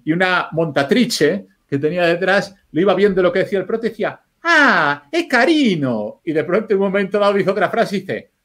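A man, chatting as a podcast guest. His voice sits a little high for a man. He rambles through anecdotes, swears freely and restarts his sentences as he thinks aloud. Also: fast, few pauses. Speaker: film editor guest. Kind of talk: casual podcast chat.

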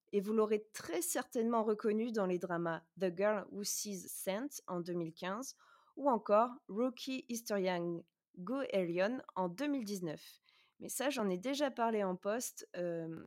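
Animatrice de podcast bavarde, voix moyenne. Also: female voice, mid-range voice, a little mellow. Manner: chatty, frequent hesitations. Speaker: podcast host. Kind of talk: casual podcast chat and prepared presentation.

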